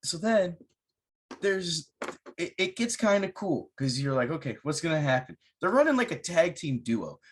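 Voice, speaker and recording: A young man with a slightly high-pitched voice rants his way through a horror movie recap on a podcast. He swears freely and tells the plot with animated, exasperated energy in a casual chat style. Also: unhurried, a little hiss or hum. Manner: profane, animated storytelling. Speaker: podcast host.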